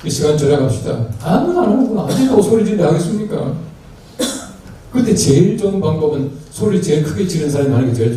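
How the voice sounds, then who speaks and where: A man's voice: mid-range voice, dark tone. Older man pastor telling a story in an echoey hall. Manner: storytelling, acts out dialogue, chuckles. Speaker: pastor giving a lecture. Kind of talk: anecdotal sermon talk. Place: large hall at a retreat. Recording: distant mic in a very echoey hall, faint noise.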